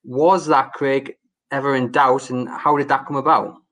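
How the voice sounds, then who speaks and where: A man's voice: mid-range voice, flat delivery, normal speed, a bit bright. A man presenting a football podcast in a casual style. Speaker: podcast host.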